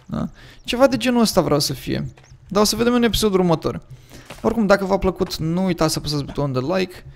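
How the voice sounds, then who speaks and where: Romanian man with a gravelly morning voice. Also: sits high, expressive. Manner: chatty, thinks aloud while playing. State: morning voice, slightly hoarse. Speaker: gaming commentator. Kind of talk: casual gameplay commentary.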